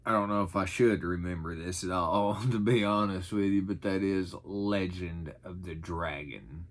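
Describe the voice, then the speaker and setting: A man's voice: deep voice, moderate pace. A middle-aged man chatting casually in a folksy, rambling, self-deprecating way, as in an unscripted haul video. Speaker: vlogger showing thrift finds.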